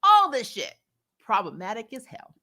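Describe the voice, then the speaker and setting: Hosting a fan recap show, this woman gives blunt, sweary, opinionated commentary on TV, throwing in lively mock-quotes. She speaks at a moderate pace in a fairly high pitch.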